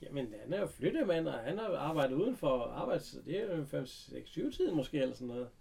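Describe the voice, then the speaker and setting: A man chatting casually, retelling an episode with animated bits of acted dialogue. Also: fairly high pitch, gravelly, breathy edge. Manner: animated retelling, acting out characters' lines. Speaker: recapping a TV episode. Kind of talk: casual chat.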